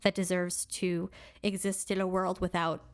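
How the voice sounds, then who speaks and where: Speaking at normal speed with a fairly low pitch and a level tone, a woman co-hosts a casual podcast chat. She sounds eager, using plenty of filler words, especially "like" and "really cool."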